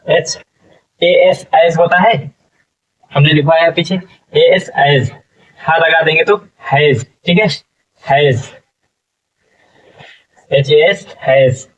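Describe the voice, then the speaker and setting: Husky male teacher spelling words aloud slowly. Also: on the high side, fairly bright tone. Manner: spells words slowly, repeating and asking "what will it be?". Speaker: English teacher. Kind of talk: spoken phonics lesson. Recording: distant, dull lo-fi classroom recording.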